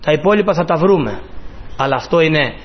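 A man's voice: a little high, expressive. A man preaching a sermon to his congregation with fervour, lifting his voice sharply when he voices pleas and commands. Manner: fervent preaching, voicing quoted pleas and rising to loud emphasis. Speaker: priest. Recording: dull lo-fi recording.

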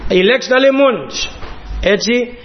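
A man preaching a sermon to his congregation as a Pentecostal preacher, earnest, pushing his voice up to stress points and then dropping low and slow. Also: expressive, dull audio, slight background noise.

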